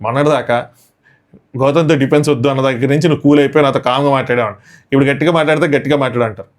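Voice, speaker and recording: A man recapping a reality show episode in a fast, breathless commentary, sprinkling English words into his storytelling. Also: medium pitch, fairly even intonation.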